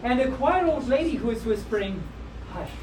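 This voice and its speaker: At a convention, a woman reads picture books aloud to a live group, her fairly high voice expressive and her speed normal. She keeps breaking off from the text for playful, wry comments. The recording is roomy and distant, typical of a live event, with clearly audible noise.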